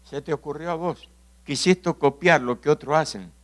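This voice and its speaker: A man's voice: on the high side, normal speed, pitched below the performer's own voice, lightly acted. A man preaching voices God as a stern, commanding male divine figure who repeats his orders firmly. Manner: firm, repetitive commands.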